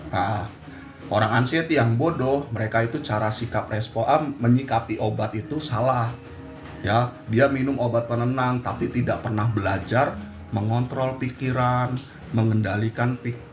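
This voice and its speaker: A man's voice: medium pitch, reverberant. A man giving a blunt, scolding motivational talk to his viewers. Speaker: anxiety motivational speaker.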